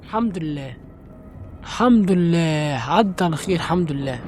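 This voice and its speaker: A young man with an Egyptian Arabic accent talks quickly through a horror game. He reacts jumpily and keeps calling out to his viewers. A faint background hum sits under his voice. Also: a little high, animated. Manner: jumpy, exclaiming, talks to viewers. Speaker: gaming channel host. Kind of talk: let's play commentary.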